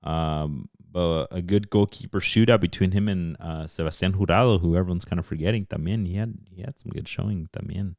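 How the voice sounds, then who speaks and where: A man with a very low voice talks soccer in a relaxed, casual way, slipping between English and Spanish. The sound is dry and close to the mic. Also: fairly quick, vocal fry, few pauses, no room sound. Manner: laid-back, mixes English and Spanish. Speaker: podcast co-host. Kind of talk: casual sports chat.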